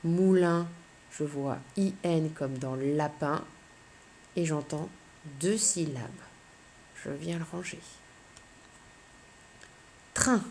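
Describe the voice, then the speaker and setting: A woman teacher giving a slow, clear phonics lesson to young children, patiently spelling out letters one by one. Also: deep voice, a little mellow, a little hiss or hum.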